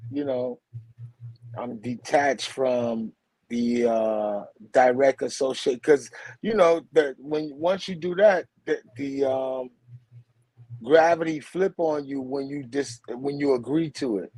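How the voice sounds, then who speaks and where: A Brooklyn-raised man in his forties, a teacher and author appearing as a guest, talks slowly in a medium-pitched, slightly mellow voice. The poor, dry audio captures casual spiritual conversation that rambles and leans on slang, with repeated "you heard?" and "for real."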